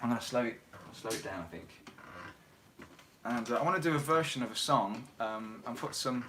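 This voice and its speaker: A man's voice: mid-range voice, expressive, normal speed, fairly bright tone, a little hiss or hum. A man hosting a casual livestream from home, chatting and reading out viewer comments. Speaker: livestream host and musician.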